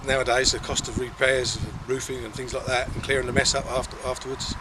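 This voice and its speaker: A man's voice: mid-range voice, level tone, quick pace. A male farmer, giving a plain-spoken, rambling and matter-of-fact eyewitness interview. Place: outdoors in a farmyard. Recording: outdoor background noise, vehicle sounds.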